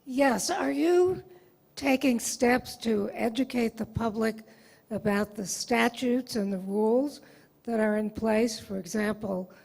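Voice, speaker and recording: A woman in the audience asking a lecturer a measured question. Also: fairly high pitch, creaky, darkish tone, breathy edge. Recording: echoey hall.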